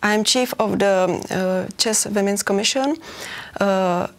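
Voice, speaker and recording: A woman's voice: mid-range voice, takes it slowly, creaky. A woman from the Czech Republic giving a prepared conference presentation for a chess federation, reading steadily with occasional hesitations.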